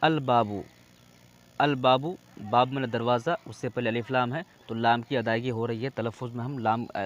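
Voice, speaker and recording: A man's voice: medium pitch, highs cut off, slight background noise. A man teaching an Arabic lesson in Urdu, reading Arabic words aloud one at a time and then explaining what each one means.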